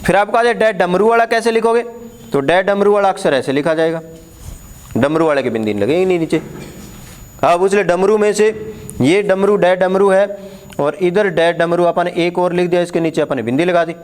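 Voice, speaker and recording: A man's voice: high-pitched, normal speed, darkish tone, clean tone. A man teaching Hindi letters at a board, explaining patiently, repeating key words and putting questions to the class.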